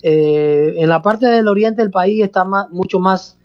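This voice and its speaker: A man's voice: high-pitched, unhurried, lo-fi sound. A middle-aged Cuban man with a Cuban accent, talking casually as a guest in an interview, expansive and repetitive. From Cuba. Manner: expansive, repeats himself, calls host "hermano". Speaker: salsa bandleader guest.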